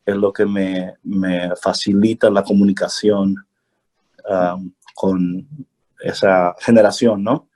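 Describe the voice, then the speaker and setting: A man's voice: low voice, little pitch movement, takes it slowly, darkish tone. A man from Brooklyn who introduces himself on a video call, laughing and dropping English fillers into his talk. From Brooklyn, New York, USA. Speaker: media director for a religious order.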